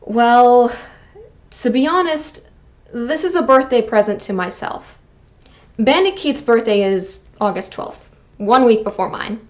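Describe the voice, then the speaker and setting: A woman in her twenties hosts her channel's personal video essay, narrating in a fairly high, expressive voice without hurrying. She's earnest and sentimental, slipping in wry, self-deprecating remarks.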